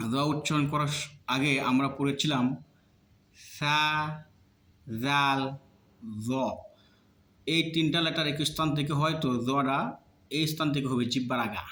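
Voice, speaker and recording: A man's voice: mid-range voice, a bit bright, reverberant. A man teaching Arabic letter pronunciation step by step, patiently drilling each sound with many repetitions in a colloquial way. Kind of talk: slow step-by-step lesson.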